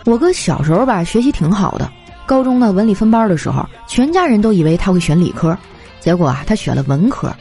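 A young woman telling comic anecdotes in a chatty, animated way, slipping into voices for the people in her stories. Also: medium pitch, fairly quick. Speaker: comedy storyteller. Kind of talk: scripted comic monologue. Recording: light background music. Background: faint music.

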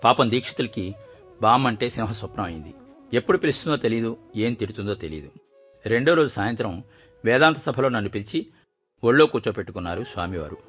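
A man with a low voice narrates a story in a measured, expressive way. Soft music plays faintly behind the reading. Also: slightly rough.

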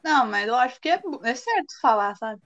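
A woman's voice: fairly high pitch, expressive, a little fast, crowd noise. A woman with a Brazilian Portuguese accent, co-hosting a podcast in casual chat with a blunt, teasing manner. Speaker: podcast co-host. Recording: slightly muffled lo-fi audio.

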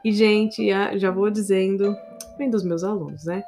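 Speaking with a Brazilian Portuguese accent, a woman English teacher hosts a casual solo podcast, chatty and animated, frequently addressing her listeners directly. Her mid-range voice moves at an unhurried pace over faint background music.

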